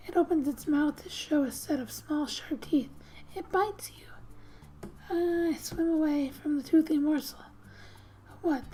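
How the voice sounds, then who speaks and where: Gently narrating a game's story in ASMR style, the woman, a gamer and host, speaks softly and breathily, frequently near a whisper, slipping in casual asides at an unhurried pace. Her voice sits high, with a little hiss or hum in the background.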